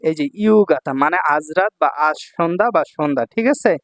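A man with a fairly high voice walks through a kanji lesson step by step, saying each reading twice and pausing to ask if it's clear. The sound is dry and close to the mic. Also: no echo. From Bangladesh. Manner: repeats readings, checks in with "okay?" often. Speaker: Japanese language teacher.

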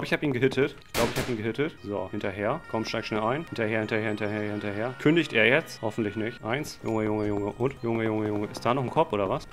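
A man giving excited Let's Play commentary on a game, talking to his viewers as friends, with slangy asides and sudden shouted outbursts. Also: mid-range voice, a little hiss or hum. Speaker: gaming channel host.

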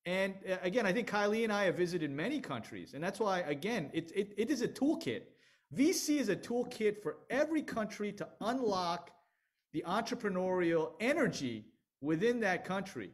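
A middle-aged man with a notably high voice talks through a video call. He speaks with energy and emphasis and often restarts his phrases. The sound has the slight flatness of a webcam microphone. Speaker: venture capital panelist. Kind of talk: online panel discussion.

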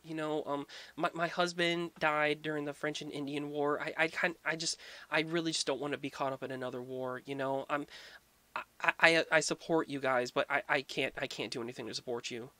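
A man's voice: on the high side, fairly even intonation, brisk, pushed and bright, no echo. A man voicing a flustered, timid widow who stammers and apologizes as she turns down a recruiter. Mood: nervous.

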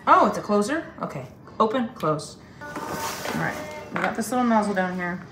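Speaking over music, this thirtysomething woman vlogs at home in her kitchen and other household rooms, musing aloud to camera in a casual, slightly profane way. She has an expressive mid-range voice and talks at a normal speed. The rooms echo and background noise is clearly audible.

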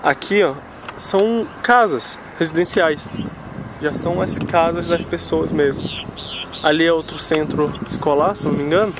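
A man filming a handheld vlog while exploring an abandoned hospital, chatting in slangy, relaxed speech. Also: on the high side, moderate pace. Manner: relaxed slangy talk, swearing. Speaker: urban explorer vlogger. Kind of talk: casual handheld vlog narration. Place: abandoned hospital building in a city. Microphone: handheld camera mic. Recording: loud noisy camera audio.

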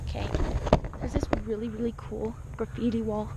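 A woman's voice: fairly high pitch, monotone, normal speed. Chatty young woman vlogging outdoors. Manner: chatty, lots of "like" fillers. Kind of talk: casual walking vlog. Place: outdoors on town streets. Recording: loud outdoor street noise.

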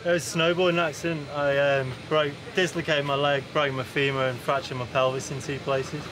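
A man speaking in a halting, plain way in a documentary interview. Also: on the high side, flat delivery, background noise. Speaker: injured passenger.

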